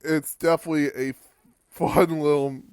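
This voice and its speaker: A man's voice: fairly high pitch, steady tone, moderate pace, clear, resonant tone, no echo, clean studio sound. A man hosting a podcast, giving a casual, wry recap of old wrestling matches and swearing for laughs. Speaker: podcast host.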